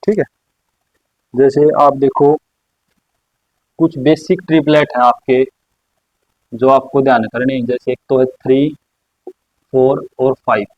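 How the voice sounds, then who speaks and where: Guy teaching trig at a board, dry muffled sound, talks slow n repeats stuff. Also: mid-range voice, steady tone, dry recording. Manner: explains slowly, repeats questions to the class, says "bhai" often. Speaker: maths teacher. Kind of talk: classroom lesson at a board. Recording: dry, slightly dull lo-fi sound.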